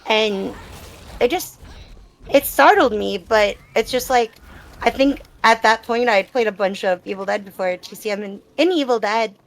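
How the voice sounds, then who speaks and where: In a casual live Q&A, a woman gamer reflects on and explains her answers in a chatty, personal tone. Her voice is on the high side at a moderate pace, and the recording quality is low.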